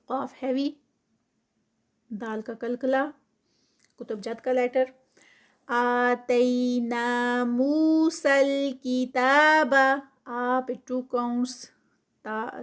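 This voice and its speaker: A woman giving a tajweed lesson, explaining recitation rules briskly and mixing in English terms, then reciting words slowly and drawn out. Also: a little high. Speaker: Quran recitation teacher.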